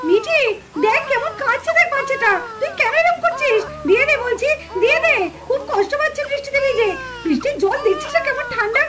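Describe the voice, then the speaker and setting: A woman's voice: very high voice, a little fast, heavy background noise. A woman voicing a firm, worried mother doll who scolds the children in a puppet cartoon. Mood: scolding.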